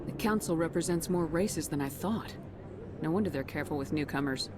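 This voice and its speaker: Female actor as a curt, dry commanding officer, lower-pitched, for a game. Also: fairly quick, noisy background, lightly acted. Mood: wry.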